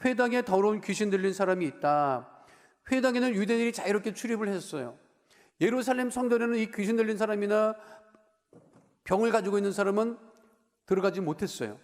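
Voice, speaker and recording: A man preaching a sermon as pastor, talking conversationally, putting questions to the congregation and moving between raised emphasis and quiet asides. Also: high-pitched, fast. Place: church sanctuary. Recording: long reverb of a large church hall.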